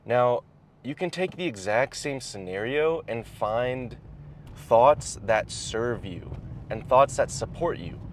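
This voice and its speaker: Young guy giving chill thoughtful advice while driving, kinda halting, talking with food in his mouth, car rumble behind him. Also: animated. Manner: talking while eating, mouth at times full; halting, thoughtful, pausing mid-phrase. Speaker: vlogger giving personal advice. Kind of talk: casual reflective advice monologue. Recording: clear vehicle and road noise. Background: car and road rumble.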